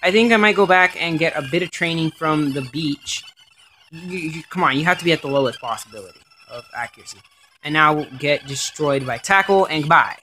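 A man doing let's play commentary on a game, excitable and rambling, swearing often. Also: a little high, fairly quick, slight background noise. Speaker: gaming commentator.

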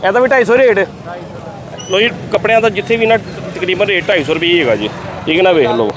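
A high-pitched man with a Lahori Punjabi accent talks fast through his lively street vlog, addressing viewers directly as he tours a busy outdoor bazaar. Background noise from the market crowd comes through behind him.

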